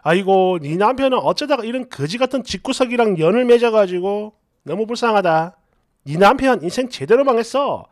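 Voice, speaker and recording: A woman narrating a submitted family story and reading comments aloud in a chatty, animated, sometimes mocking way. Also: medium pitch, fairly quick, dry recording, studio quality.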